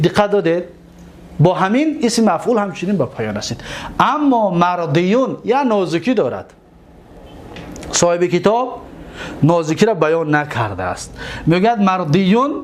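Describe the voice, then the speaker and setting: A man's voice: sits high, sing-song. A man with a Tajik accent teaching a classroom lecture, explaining step by step, repeating each word and asking his students questions. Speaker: teacher of Arabic morphology.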